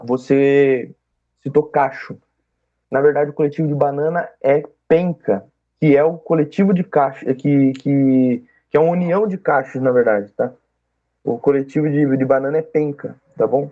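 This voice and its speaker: A man's voice: mid-range voice, fairly even intonation, normal speed, phone-quality sound. A man acting as an oral exam examiner, giving patient, explanatory feedback and checking often that he is understood.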